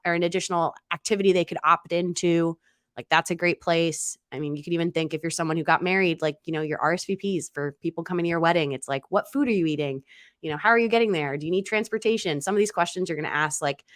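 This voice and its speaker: A woman's voice: fairly low pitch, fairly even intonation, fast talker, dry recording. Woman cohost rambling casually, lots of likes and ums, dry mic. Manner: chatty, many fillers and restarts. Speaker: podcast co-host. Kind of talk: casual podcast chat.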